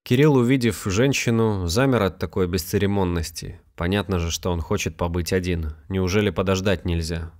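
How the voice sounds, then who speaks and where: A man with a very deep voice reads a scripted story aloud. His delivery is even and measured throughout. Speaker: narrator.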